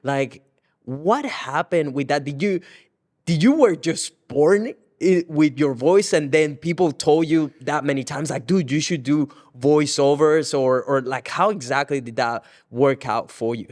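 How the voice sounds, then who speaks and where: A man's voice: fairly high pitch, a little slow, darkish tone. A man hosting a casual podcast interview, enthusiastic and affirming toward his guest. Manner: enthusiastic, affirming, frequent agreement. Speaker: podcast host.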